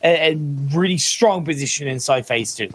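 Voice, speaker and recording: A man's voice: a little high, lively intonation, moderate pace, fairly bright tone. A man commentating a live esports match, giving conversational tactical analysis.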